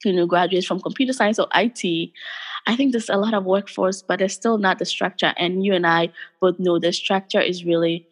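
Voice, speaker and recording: A woman from Ghana, a guest in an interview, talks in an earnest, thoughtful way and often stops to gather her words. Her voice sits fairly low. It rings with a long reverb. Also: steady tone, brisk. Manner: thoughtful, earnest, with frequent fillers. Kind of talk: interview conversation.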